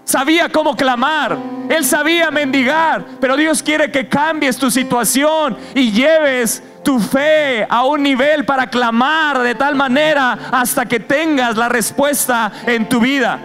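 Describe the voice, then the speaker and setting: A man's voice: extremely high pitch, unhurried, creaky, a bit bright. A man preaching a sermon as guest preacher, with impassioned, repetitive exhortation. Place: church service. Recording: guitar music behind.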